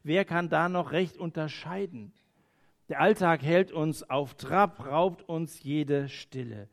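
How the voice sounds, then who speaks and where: A man preaches an earnest sermon in a fairly high, slow, creaky voice. He shifts between emphatic lines and quiet, hushed phrases, hesitating now and then as he thinks aloud.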